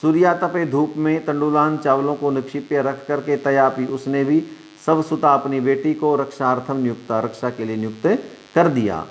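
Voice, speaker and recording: A man's voice: medium pitch, steady tone, normal speed. Man translating Sanskrit lines for pupils. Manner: reads a line then translates it phrase by phrase; addresses students as dear children. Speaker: Sanskrit teacher. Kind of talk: online class, reading and translating a lesson.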